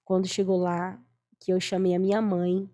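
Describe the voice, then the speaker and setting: A Brazilian woman in her forties, with a Brazilian Portuguese accent, shares an emotional personal testimony as a guest, earnest and story-driven, acting out the voices she quotes. Her voice is fairly low and mellow, with a level tone at normal speed.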